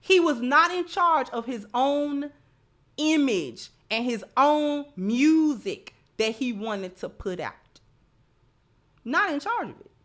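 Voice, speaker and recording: An American woman hosting a livestream offers opinionated commentary in casual, colloquial speech, hammering her points home by repeating phrases. Her voice sits high and sounds fairly bright, and she's animated yet slow.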